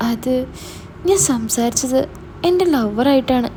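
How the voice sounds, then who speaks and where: A woman's voice: high-pitched, lively intonation, a little slow, dark tone, a little hiss or hum. A frightened stammering teenage girl, voiced by a woman. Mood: scared pleading. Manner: hesitant, stammering. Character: teenage girl, younger sister, scared and pleading.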